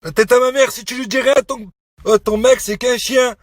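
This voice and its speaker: A man's voice: very high-pitched, fairly even intonation, normal speed, no echo, clean studio sound. A man ranting at his Snapchat followers, aggressive and threatening, hurling insults into his phone. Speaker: Snapchat vlogger. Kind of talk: angry phone rant to followers.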